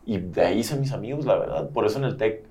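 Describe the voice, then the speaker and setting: A young man from Mexico with a northern Mexican accent, chatting casually as a podcast guest, relaxed and laughing easily. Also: on the low side, fast. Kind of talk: casual chat.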